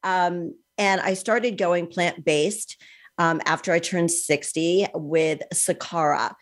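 Hosting a podcast interview, this sixty-something woman is eager and talkative, filling pauses now and then with an um. Her pitch is low, well beneath most women's voices, and her tone stays steady.

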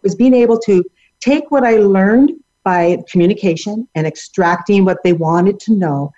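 A middle-aged woman, a hair educator, answers questions as an interview guest, upbeat and laughing lightly. Her mellow, mid-range voice moves at a normal speed, captured in dull lo-fi audio.

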